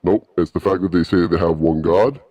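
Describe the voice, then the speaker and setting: A man's voice: sits low, dull audio. A man calling into a live debate through a voice changer that disguises his voice, arguing in a combative, taunting way. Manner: combative, taunting, rapid-fire. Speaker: caller in a live debate stream. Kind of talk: heated religious debate.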